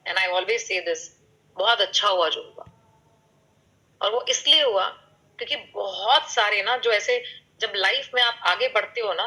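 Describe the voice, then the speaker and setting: A woman with a fairly high, bright voice gives a motivational talk, switching between Hindi and English and asking her listeners questions. She uses sound words and vivid examples. The sound is tinny, a bit like a phone line. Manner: mixes Hindi and English, asks the audience questions. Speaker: speaker at a business meeting.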